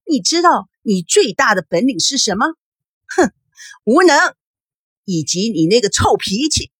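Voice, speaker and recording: Woman doing quarrelsome mother, scolding, sharp, husky, dry close sound. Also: medium pitch, big pitch swings, moderate pace, dry recording, heavily acted. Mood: quarrelling. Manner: sharp, scolding, rising outbursts. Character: quarrelsome middle-aged mother, shrill and nagging.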